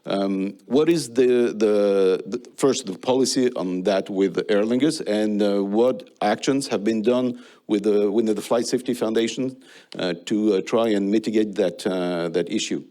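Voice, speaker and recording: Halting male panel moderator. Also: lowish voice, dark tone. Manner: hesitant, many fillers and restarts. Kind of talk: round-table moderation.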